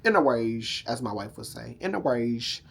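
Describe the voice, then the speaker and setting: A man's voice: medium pitch, lively intonation, moderate pace, gravelly, a bit bright, breathy edge. A tipsy man telling a casual, profane story to camera, sassy and rambling, often losing his thread. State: drunk, tipsy.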